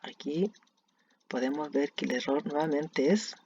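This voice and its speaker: Chilean teacher going over grammar real slow, gravelly voice, repeats every example, keyboard typing behind. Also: mid-range voice, darkish tone, no echo, dull audio. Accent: Chilean Spanish. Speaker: English teacher. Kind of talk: recorded lesson explaining grammar.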